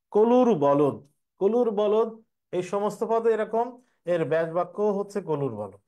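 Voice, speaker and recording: A man's voice: fairly high pitch, a little mellow. A young man, teaching an exam preparation class and explaining step by step, repeating each question before answering it.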